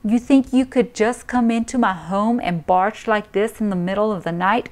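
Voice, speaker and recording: A woman's voice: mid-range voice, steady tone, normal speed, a little mellow, lightly acted. A woman reading as a fierce defiant mother. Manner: urgent and defiant. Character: fierce defiant mother protecting her child.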